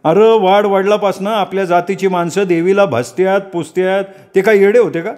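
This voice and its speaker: Guy playing a stubborn religious villager, high and scolding. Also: fairly even intonation, normal speed, a little mellow, natural voice. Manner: scolding, raised and insistent. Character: stubborn devout middle-aged village man. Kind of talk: dramatic storytelling.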